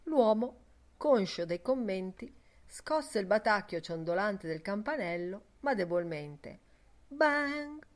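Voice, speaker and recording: A woman narrating a literary audiobook with an expressive, measured reading. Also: mid-range voice. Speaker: audiobook reader.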